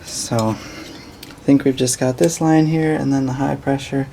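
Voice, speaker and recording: A man's voice: medium pitch, fairly even intonation, unhurried, gravelly, dark tone, slight background noise. A man giving a plain, hands-on walkthrough of a repair, explaining as he works on an engine. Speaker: DIY mechanic. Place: working in a vehicle's engine bay.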